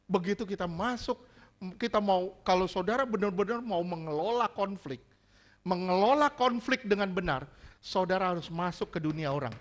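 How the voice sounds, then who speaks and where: A man preaching a sermon as pastor, joking and animated. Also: high voice, normal speed.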